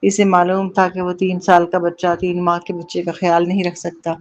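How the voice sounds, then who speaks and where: An audiobook narrator reading a novel episode in a steady, unhurried way. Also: mid-range voice. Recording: dull lo-fi recording.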